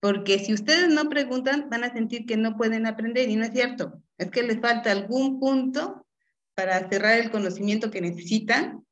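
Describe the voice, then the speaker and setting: A woman's voice: on the high side, normal speed. Encouraging Mexican woman professor. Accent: Mexican Spanish. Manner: warm, encouraging, laughs often, asks "¿sí?". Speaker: chemistry professor. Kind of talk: interview answers.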